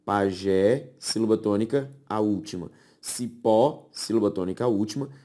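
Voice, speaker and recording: His voice is on the low side with a dark tone. Teaching grammar rules to a class with a Brazilian Portuguese accent, he explains slowly, goes over key words again, and frequently checks whether everyone is keeping up.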